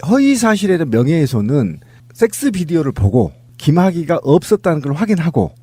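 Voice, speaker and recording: A man on a panel chat show, his voice disguised with a deep pitch-shifting voice changer, telling a story in a joking, animated way. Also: brisk, slightly rough, no echo.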